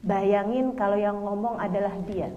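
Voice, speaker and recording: A middle-aged woman preacher giving a lively, conversational religious lecture to women, often acting out bits of dialogue. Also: mid-range voice, moderate pace, lo-fi sound, a little hiss or hum. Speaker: Islamic preacher.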